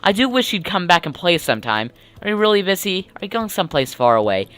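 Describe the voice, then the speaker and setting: A man reading a letter from a cheerful, eager young village kid in a chirpy, excited way. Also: high-pitched, fast talker, clear, resonant tone, no echo.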